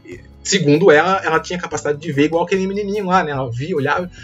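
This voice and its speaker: Male lecturer with a high voice, rambling and chatty, full of restarts. The audio is muffled with faint music behind. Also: very fast, fairly bright tone. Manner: rambling, frequent tag questions and restarts. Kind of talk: casual video lecture with anecdotes.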